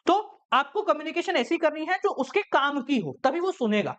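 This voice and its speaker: A man's voice: very high-pitched, big pitch swings, a little fast, fairly bright tone. A man teaching a class in a casual, chatty way, explaining with everyday examples.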